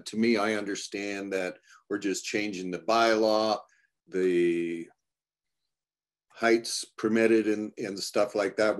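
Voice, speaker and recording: An older man, a city councillor, asking deliberate probing questions on a video call. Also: lowish voice. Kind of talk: formal meeting questions.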